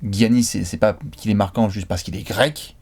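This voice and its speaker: A man co-hosting a casual talk show, reading viewer questions and chatting in a relaxed, slangy way. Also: fairly low pitch, normal speed, slightly rough. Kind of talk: casual debate.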